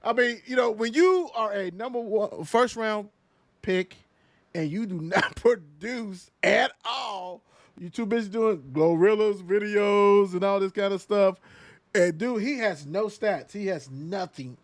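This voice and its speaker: High-voiced animated male sports host. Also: measured pace, dry recording. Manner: animated, slangy banter with lots of fillers. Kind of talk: casual sports talk.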